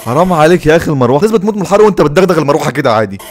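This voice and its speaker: A man's voice: a little high, very animated, racing, over music. An Egyptian man hosting a reaction video, commenting in a teasing, sarcastic, mock-soothing way.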